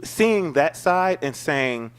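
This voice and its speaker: A middle-aged man talks casually as a talk show guest. He tells his stories in a playful, animated way and jokes with the host. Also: fairly high pitch, takes it slowly, clean tone. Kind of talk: casual chat.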